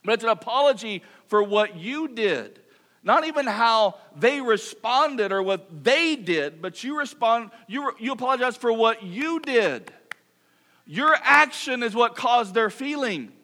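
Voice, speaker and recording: Pastor type, middle-aged man, high voice, lively preaching with jokey asides. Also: a little slow. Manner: lively preaching, reads Scripture, mock-apologizes in funny voices. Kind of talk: sermon.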